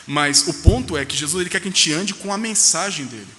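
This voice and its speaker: A man's voice: a little high, expressive, a little fast, sharp tone, faint music behind. A male pastor, delivering an emphatic sermon with rhetorical questions in a church. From Brazil. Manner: emphatic preaching, rhetorical questions, voices quoted speech. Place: church sanctuary. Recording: reverberant church hall.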